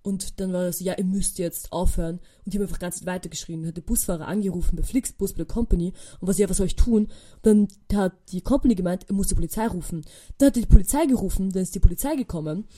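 A young woman, hosting a podcast and telling a story casually, with lively quoted dialogue and many fillers. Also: medium pitch, rapid-fire. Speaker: podcast host.

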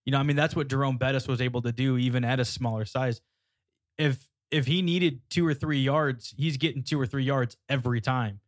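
A man talking casually on a sports podcast, prone to laughter and restarts. His voice sits at an everyday pitch. The sound is dry and close, with no room around it. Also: steady tone, brisk, no room sound. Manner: chatty, laughs often, repeats words. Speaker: podcast co-host.

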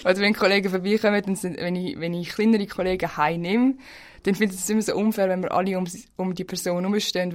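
A woman with a Swiss German accent talks quickly in a lowish voice, chatting frankly as a guest. She often restarts her sentences mid-thought. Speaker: interview guest. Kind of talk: casual personal conversation.

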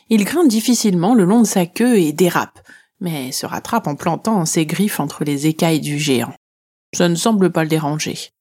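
A woman narrating a children's adventure in the first person, reading in a lively, expressive way. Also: lowish voice, slightly rough. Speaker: storyteller.

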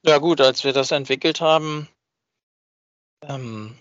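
A man co-hosts a fan podcast, chatting casually about a hobby production, searching for words and often checking that others agree. His mid-range voice is unhurried and a bit bright, in a dry, close, slightly dull recording with no echo.

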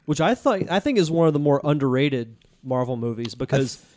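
A man with a middling pitch talks as a podcast panelist. He is conversational, offering and explaining his own opinions about films. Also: lively intonation, brisk, darkish tone. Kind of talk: casual film discussion.

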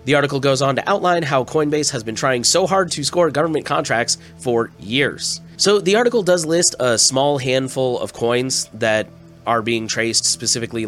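A man with a medium-pitched, fairly bright voice hosts a news podcast, sounding slightly scratchy and congested from a cold. He reads the stories plainly and conversationally, adding casual asides along the way.

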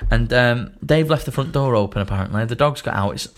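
A man's voice: mid-range voice, a little fast. A man co-hosting a casual podcast, teasing his friend and swearing freely. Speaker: podcast co-host.

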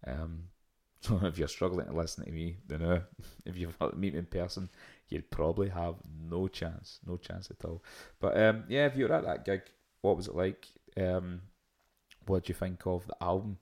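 A man's voice: deep voice, normal speed, a little mellow. A man with a Glaswegian accent chatting casually as a radio host, in an informal, self-deprecating manner.

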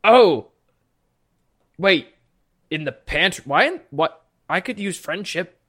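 A man's voice: high-pitched, lively intonation, takes it slowly, fairly bright tone, full character voice. A man voicing an earnest, clueless cook who ruins his soup, in a whiny tone. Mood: flustered.

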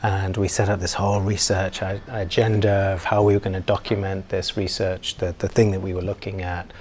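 A man from England, an architect guest, telling stories in a relaxed way with fillers in an office interview. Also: low voice, a little fast, a little hiss or hum. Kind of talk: casual interview conversation. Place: university office.

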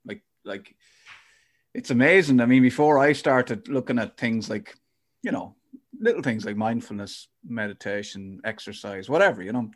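A man's voice: medium pitch, normal speed. A man hosting a casual podcast interview, informal and rambling as he thinks aloud.

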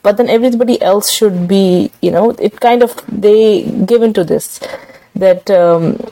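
Mellow woman with a Kashmiri accent. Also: mid-range voice, a little slow, no echo, low-quality recording. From Srinagar, Kashmir. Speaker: guest researcher being interviewed. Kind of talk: conversational interview answers.

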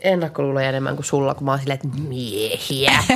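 A woman co-hosting a podcast, telling a story in an animated way, with loud bursts and low muttered asides. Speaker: podcast co-host. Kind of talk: casual chat.

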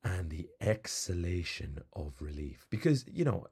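A man hosting a podcast, telling a rambling, animated story with plenty of fillers before reading out some background. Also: deep voice, unhurried, slightly rough. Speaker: podcast host. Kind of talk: casual storytelling monologue.

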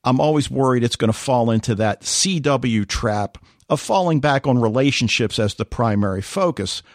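A man's voice: mid-range voice, expressive, normal speed, dry recording, studio quality. A man co-hosting a podcast, chatting casually and telling stories with animation. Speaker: podcast co-host.

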